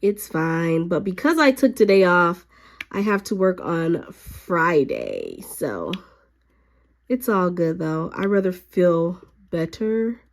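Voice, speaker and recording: A woman hobby vlogger, a little sick and slightly raspy, chats in a relaxed way at her home craft desk while she works, filling her speech with lots of fillers. Her voice is lowish and her pace slow.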